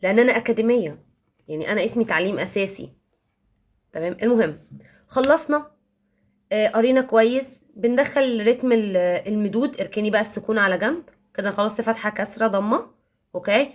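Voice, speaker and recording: A woman teacher with an Egyptian Arabic accent, explaining to parents how she teaches young children, emphatic and repeating key words, slowing down on examples. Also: mid-range voice.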